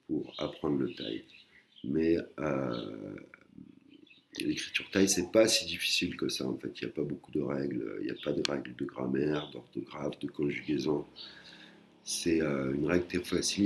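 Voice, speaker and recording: A man's voice: a bass voice, moderate pace, creaky, a little hiss or hum. A man teaching a language lesson, patient and explanatory, often repeating and rephrasing himself. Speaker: Thai teacher.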